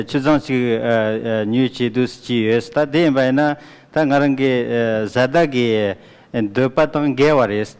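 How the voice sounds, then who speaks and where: A man interpreting a biology lecture for students, beginning each turn with a quick affirming "aha.". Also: mid-range voice, darkish tone. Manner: brisk, with frequent affirming "aha". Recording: smooth voice in a long-reverb hall.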